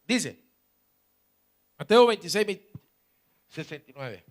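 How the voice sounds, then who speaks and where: A male pastor, preaching a dramatic sermon that swings from loud exclamations to hushed asides. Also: sits high, very animated, slow pace.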